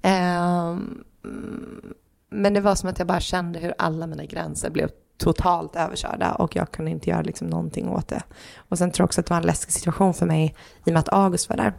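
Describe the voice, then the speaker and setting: Gravelly low-voiced woman telling a story. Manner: animated, acts out others' lines in quotes; heavy use of fillers like "liksom" and "du vet". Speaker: podcast co-host. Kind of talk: casual conversational storytelling.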